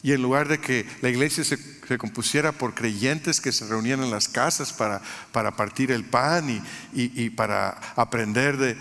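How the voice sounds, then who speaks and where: Preaching a sermon with earnest conviction, this pastor from Mexico speaks at a moderate pace with hardly any pauses. His mid-range voice has a fairly bright tone, and he strings phrases into lists, sometimes restarting. The sound carries a long hall reverb.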